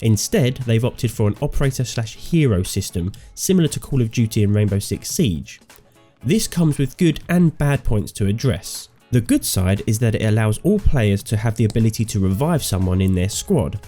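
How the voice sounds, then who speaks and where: A man hosts a gaming video, reading a scripted review while nursing a cold that leaves his low, mellow voice slightly nasal. He's expressive and speaks at normal speed, with faint music behind him, and his views come across as opinionated and sardonic.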